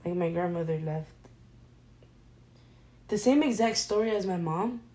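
A young woman co-hosting a casual podcast chat, talking softly and rambling with many fillers. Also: on the low side, unhurried, poor audio. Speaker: podcast co-host.

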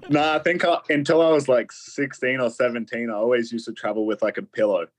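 A man talks as a guest on a casual podcast. His voice sits at an average pitch. He phrases things in a slangy, laid-back way. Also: steady tone, a little fast. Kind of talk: casual chat.

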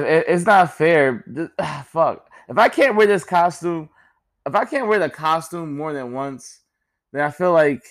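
A young man hosting a podcast, doing a rambling, joking solo monologue full of swearing, his pitch jumping up when he gets excited. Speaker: podcast host. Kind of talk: casual comedic monologue.

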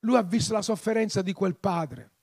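A man preaching a sermon, passionate, swelling into loud, emphatic appeals. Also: high-pitched, normal speed, vocal fry, breathy edge. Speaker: pastor.

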